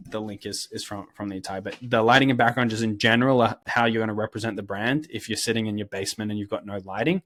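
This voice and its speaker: A man's voice: on the low side, a bit bright, no room sound. A man in his twenties with an Australian accent, giving blunt, direct career advice to camera and often checking in with "right?". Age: 20s. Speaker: sales career coach. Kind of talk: instructional talk to camera.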